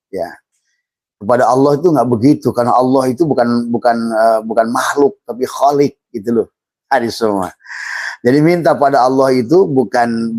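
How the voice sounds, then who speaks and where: A middle-aged man giving an informal religious lecture, speaking in a slow, halting way with many fillers and repeated words, calling his listeners friends and referring to himself in the third person. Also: medium pitch, a little mellow, dry recording. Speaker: Islamic mysticism teacher.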